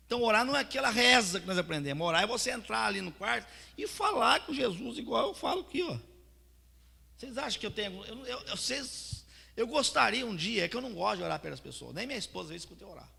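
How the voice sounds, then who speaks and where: Gravelly fervent pastor preaching. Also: male voice, high-pitched. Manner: fervent storytelling, swinging from soft to loud preaching. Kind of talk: sermon with personal testimony. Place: church hall. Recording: reverberant church hall.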